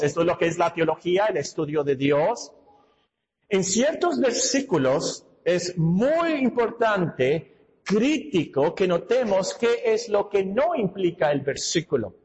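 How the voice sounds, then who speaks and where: A man's voice: sits high, in a large hall, rough recording. A man preaching a sermon in a teacherly, emphatic way, asking questions and answering them himself.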